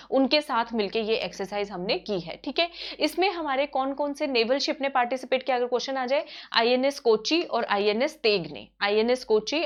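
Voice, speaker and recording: A woman teaching an online exam-prep quiz lesson, talking briskly and repeating key answers with frequent check-ins to her students. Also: on the high side. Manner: brisk and repetitive, often checking in with "theek hai".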